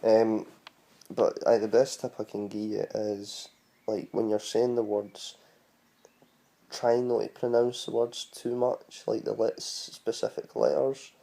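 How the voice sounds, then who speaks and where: A man's voice: on the low side, level tone, measured pace, creaky, dark tone. A man with a Scottish accent explaining words in a casual home tutorial, rambling and hesitant with many ums and restarts. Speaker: vlogger teaching words.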